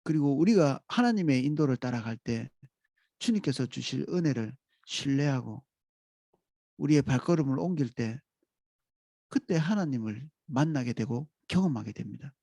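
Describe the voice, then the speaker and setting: Man, pastor, dawn sermon, husky, dark tone, calm, dry room. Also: mid-range voice, no room sound. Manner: calm, reflective, with pauses and restarts.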